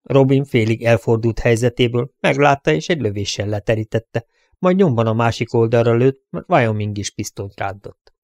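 Male audiobook narrator, mid-pitched, even storyteller, close dry recording. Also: no echo.

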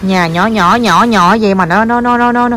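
A mother chatting with her small child in a home vlog, animated and coaxing, with English words mixed into her talk. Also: medium pitch, moderate pace, noisy background. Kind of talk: casual home vlog chat.

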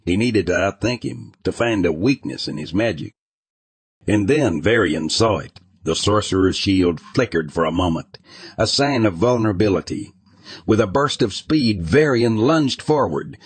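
A man narrating a fantasy audiobook in an even, measured reading style. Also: fairly low pitch, slightly rough, dry recording.

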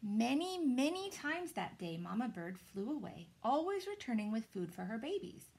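A woman, reading a children's story aloud in a dramatic, deliberate way. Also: a little high, sing-song, gravelly, darkish tone. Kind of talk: expressive children's storybook narration. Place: small indoor room with shelves.

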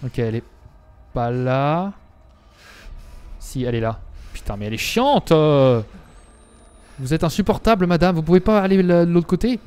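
A man's voice: on the high side, expressive, normal speed, long pauses, a little mellow, clear, resonant tone. A young man streaming a game live, chatting to his viewers and bursting into dramatic yelps when scared. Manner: talks to viewers and game characters. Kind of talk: live gameplay commentary.

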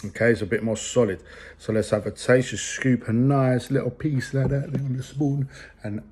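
A man's voice: medium pitch, fairly even intonation, moderate pace, darkish tone. A man in his forties doing a casual product review at home, chatty and full of ums and restarts. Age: 40s. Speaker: food reviewer.

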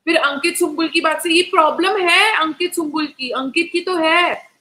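A young woman hosting a casual live stream, reviewing a reality show in animated talk that mixes in English and answers viewers in the chat. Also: extremely high pitch, moderate pace, poor audio.

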